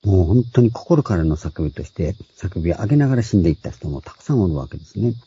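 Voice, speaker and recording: An older man giving a measured, explanatory Bible sermon, working through scripture word by word and lifting his voice on the quotes. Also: low voice, animated, mellow, husky. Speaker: Bible teacher. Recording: dull lo-fi dry recording.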